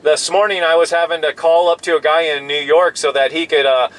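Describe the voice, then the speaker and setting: A fairly high-pitched American man in his fifties runs through some casual CB chatter from a pickup truck, speaking a little fast with fairly even intonation. He explains things in a laid-back, meandering way, and the in-vehicle recording picks up clear background noise.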